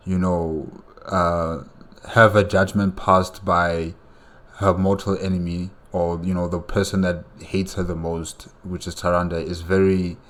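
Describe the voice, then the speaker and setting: A reaction video host offers casual commentary in a fairly low voice. He speaks haltingly, repeating himself as he searches for the next word.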